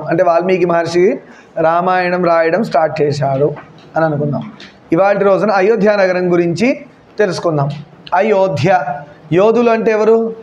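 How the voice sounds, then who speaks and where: A man's voice: high-pitched, a little mellow, muffled recording, a little hiss or hum. A middle-aged male teacher, telling a story to his class and stopping often to explain and remind students what to remember. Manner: slow, deliberate explaining with digressions and reminders to remember.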